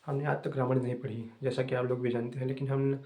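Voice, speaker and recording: A young man hosting an English-learning channel, giving fast, repetitive, casual advice to viewers. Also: mid-range voice, level tone, darkish tone.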